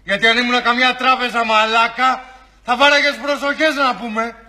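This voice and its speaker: Brief: man doing a very high, bright, mocking collector, badgering. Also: level tone, full character voice. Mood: taunting. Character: sneering man taunting a debtor for money. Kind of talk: comedy sketch acting.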